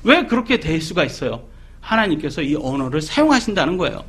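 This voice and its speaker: A middle-aged man preaching a sermon, animated, questioning his listeners and acting out quoted people. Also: fairly high pitch, quick pace, slightly rough. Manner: animated, asks the audience questions; acts out quoted people in voices.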